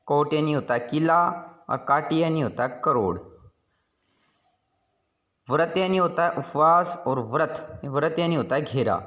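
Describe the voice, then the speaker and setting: A man's voice: fairly high pitch, fairly bright tone. Patient male teacher explaining vocabulary. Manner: patient, explanatory, repeats each meaning. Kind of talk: classroom lesson explaining word pairs.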